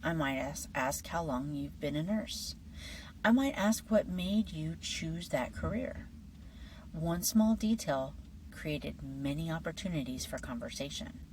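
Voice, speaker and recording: A woman with a low, deep voice teaches an English lesson in a friendly, scripted way. Her delivery is lively but slips into soft, breathy whispers at times. She sits a little back from the microphone, with faint background noise. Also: unhurried, distant mic, poor audio.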